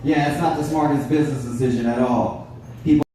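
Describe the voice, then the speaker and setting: A man's voice: medium pitch, fairly even intonation, a little fast, warm tone. A man in his thirties doing a stand-up comedy set on a club stage, brash and profane, bantering with the audience. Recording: echoey club room, distant, crowd laughter.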